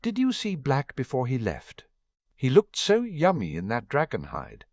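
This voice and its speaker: A man's voice: mid-range voice, wildly swooping pitch, moderate pace, darkish tone, no room sound, muffled recording, pitched above the performer's own voice. A man voicing a flighty young woman Auror who gushes. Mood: gushing.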